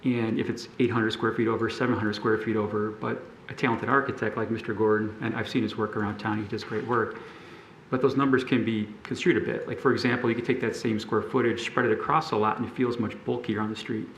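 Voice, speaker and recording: A man on a city zoning board asking questions and discussing a case, thoughtful and halting, often restarting his sentences. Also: lowish voice, level tone, echoey room, a little hiss or hum, low-quality recording.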